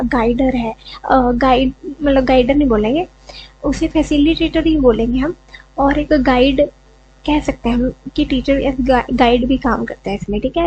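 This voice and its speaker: High-voiced woman teaching a lesson. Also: unhurried, a little mellow, muffled recording, a little hiss or hum. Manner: mixes English terms, repeats "ठीक है" often. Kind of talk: explanatory lesson.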